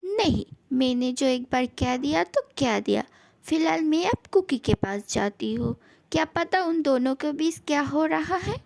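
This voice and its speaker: Woman voicing strict young man, firm scolding manner, high voice, slow measured talk. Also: animated, gravelly, darkish tone, exaggerated voice. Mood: stern. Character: stern young man, strict but caring friend. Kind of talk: fan-fiction voice acting.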